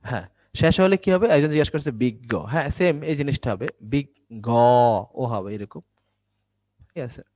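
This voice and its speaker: A young man teaches a Bangla grammar class online. His voice sits at an average pitch and keeps checking in with quick questions, then answers them himself. The sound is close and dry, with no room echo. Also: expressive, darkish tone. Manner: quizzing students, answering his own questions. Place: indoors, recorded for an online class.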